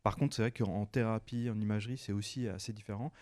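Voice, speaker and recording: A man's voice: fairly low pitch, steady tone, quick pace, darkish tone. A man answering audience questions at a conference, technical and hesitant with repeats.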